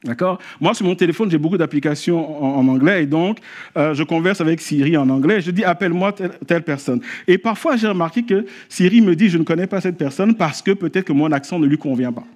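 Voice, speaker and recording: A man preaching a sermon at a church service, telling a story and rising to animated exclamations. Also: a little high, fast. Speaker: pastor.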